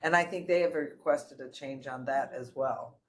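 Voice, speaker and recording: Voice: medium pitch, moderate pace, slight background noise, low-quality recording. A participant in a board meeting, talking conversationally and rambling with trailing asides. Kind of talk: meeting discussion.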